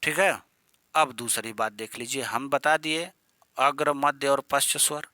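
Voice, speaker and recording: A man's voice: medium pitch, measured pace, pushed and bright, dry recording. A man teaching an exam-prep grammar lesson in a chatty, coaxing way, calling his students "beta" and "yaar".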